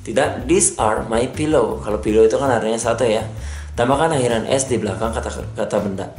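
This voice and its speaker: A man's voice: medium pitch, darkish tone. Male teacher, chatty lesson with frequent check-ins, roomy echo, faint guitar music underneath. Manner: repeats "ya" and "oke", reads examples slowly. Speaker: English teacher. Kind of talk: casual explanatory lesson.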